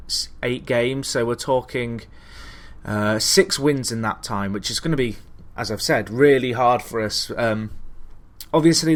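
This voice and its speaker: A man with a medium-pitched voice hosts a gaming video, offering casual, chatty commentary on a football management game. He hesitates and thinks aloud as he plays.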